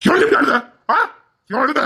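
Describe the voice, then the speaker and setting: A woman's voice: sits high, sing-song, moderate pace, sharp tone, exaggerated voice. A woman playing an anguished village mother in a melodramatic drama, emotional and scolding, with a Tirunelveli Tamil accent. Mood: bitter. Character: anguished village mother guarding her baby.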